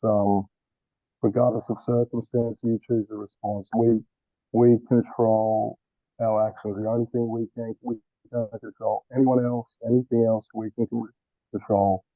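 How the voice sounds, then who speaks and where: A man on a group call, his voice muffled as if underwater, speaking earnestly with halting restarts. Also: fairly low pitch, no echo. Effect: muffled, underwater-sounding audio. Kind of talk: casual group discussion. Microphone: remote call, no earphones. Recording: muffled phone-like call line.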